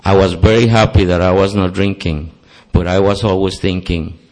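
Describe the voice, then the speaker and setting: A man's voice: deep voice, steady tone, moderate pace, darkish tone. A man from Costa Rica with a Costa Rican Spanish accent and Spanish as his first language, giving an earnest personal testimony at a recovery meeting with self-deprecating humor. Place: meeting hall.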